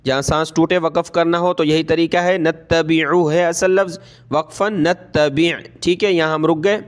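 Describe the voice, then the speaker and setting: Slow, clear, high-voiced Urdu-accented teacher. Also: male voice, fairly even intonation. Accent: Pakistani Urdu. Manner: slow drawn-out recitation, quick spoken explanations. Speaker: Quran teacher. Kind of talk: spelled-out recitation lesson.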